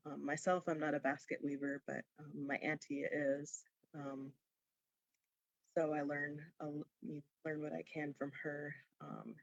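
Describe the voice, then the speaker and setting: A woman gives an informal explanation in a halting manner. Her voice is gravelly with fry and stays fairly flat in pitch. The sound is dry, with no room to it. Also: dry recording, poor audio. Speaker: powwow participant explaining regalia. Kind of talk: informal explanatory video address.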